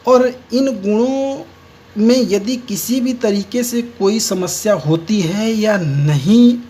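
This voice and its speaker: A man's voice: high voice, takes it slowly, warm tone, husky. A man teaching a lesson and explaining each point step by step. He often repeats key words and restates them. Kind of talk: lecture on speech errors.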